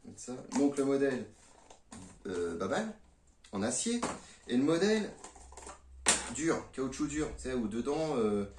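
A man's voice: mid-range voice, very animated, a little slow, long pauses, a little mellow, slight background noise. A man casually reviewing a gun for his viewers, rambling and swearing a lot while shooting outdoors, recorded on a phone a few meters away. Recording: echoey, from a distance.

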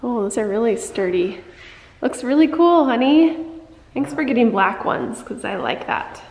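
Walking around her farm home with the camera, a middle-aged vlogger mom keeps up a chatty, playful family commentary full of laughter. She speaks a little slowly in a slightly high, slightly mellow voice with expressive intonation.

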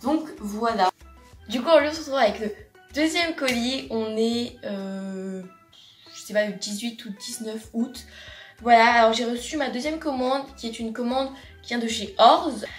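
A woman's voice: on the high side, measured pace, recorded from a distance, soft background music. Chatty teenage girl, roomy and off-mic. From France. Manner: chatty, gushing, many fillers and restarts. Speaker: vlogger. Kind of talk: casual haul vlog. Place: bedroom. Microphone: camera across the room. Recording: roomy bedroom sound from off-mic.

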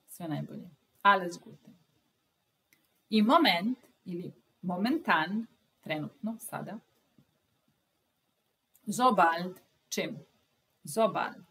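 Slow woman teacher drilling vocabulary. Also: fairly low pitch, bright, forceful tone, recorded from a distance, rough recording. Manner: says each German word, its Serbian translation, then the German word again. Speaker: language teacher.

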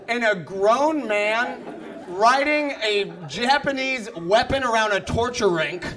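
A man in his thirties doing a stand-up comedy set in a club, ranting and breaking into yelled outbursts. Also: very high voice. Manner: ranting, yells in acted outbursts. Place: comedy club stage with live audience. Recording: live club recording, audience laughter.

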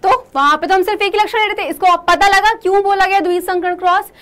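A woman's voice: extremely high pitch, steady tone, fast, fairly bright tone. A young woman teaching a class, asking her students questions and then answering them herself, and repeating the key terms.

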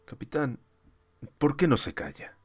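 A man's voice: a little high, very animated, measured pace, slightly rough, voice pushed up, heavily acted. A man voicing a defiant male crewman who talks in a taunting, scornful, insolent manner.

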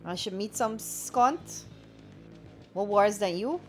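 A woman's voice: mid-range voice, slow, faint music behind. A woman with a Guyanese accent, teasing the others in a casual podcast chat. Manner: sassy, teasing, animated. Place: small studio lounge.

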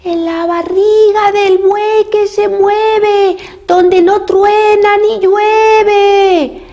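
A woman's voice: very high-pitched, fairly even intonation, extremely slow, warm tone, dull audio, pitched above the performer's own voice, full character voice. A woman voicing a tiny, plucky boy no bigger than a chickpea, eager and pleading. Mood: calling out.

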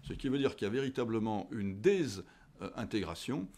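A man in his sixties, a history teacher as a guest, answering at a measured pace with frequent fillers and restarts, recorded on a desk studio microphone in an office. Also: lowish voice, darkish tone, slight background noise. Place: indoor office with tall window.

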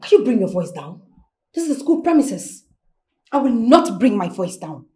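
A woman's voice: mid-range voice, very animated, moderate pace, mellow, soft background music, natural voice. An actress with a Nigerian accent playing a defiant young woman who confronts the person she works for. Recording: roomy echo.

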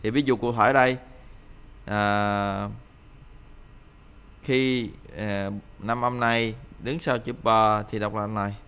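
A man's voice: fairly low pitch, fairly even intonation, takes it slowly, long pauses, a bit bright, clean tone. A man teaching a pronunciation lesson, explaining each point and repeating example words for the listener to drill, with frequent hesitant fillers.

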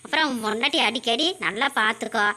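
A woman's voice: fairly high pitch, fast, sharp tone. A woman playing a lonely mother living apart from her son, lamenting her lot and then tenderly reassuring him. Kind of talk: village family drama acting.

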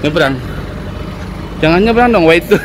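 A man's voice: on the high side, animated, normal speed. A man in his forties giving casual walking-tour commentary on a handheld phone, pointing things out as he walks along a city street at night. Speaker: vlogger. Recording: street crowd noise and music.

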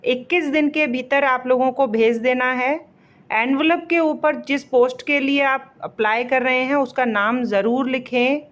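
A woman explaining a job vacancy notice in a casual walkthrough, pausing on fillers and reading official names slowly. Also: high-pitched, fairly even intonation, lo-fi sound. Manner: explanatory, repeats fillers and pauses mid-phrase; reads English names slowly, word by word.

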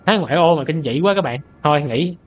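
A young man doing let's-play commentary on a horror game, easily startled into loud outbursts and translating the game's English lines aloud as he goes. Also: on the high side, animated, fast, dull audio, a little hiss or hum. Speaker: gaming streamer.

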